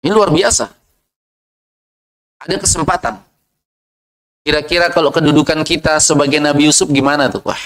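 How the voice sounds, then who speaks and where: A man preaching a sermon, lively, asking the audience questions and answering them himself. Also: normal speed, pauses often, rough recording. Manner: lively, swings from low asides to high rhetorical questions.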